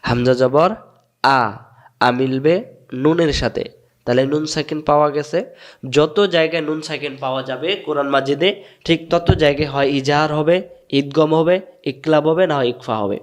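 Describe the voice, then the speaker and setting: Here a man from Bangladesh, voice on the high side with fairly even intonation, leads a patient step-by-step lesson in Quran recitation. In his Bangladeshi Bengali accent he repeats each sound slowly several times, then asks questions and supplies the answers himself.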